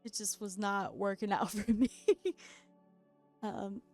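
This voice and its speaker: A doll customizing creator narrates her craft in a relaxed, chatty voice-over, laughing at herself frequently. Very tired after staying up all night, she speaks slowly in a mid-range voice that's creaky and keeps cracking. Faint music plays in the background.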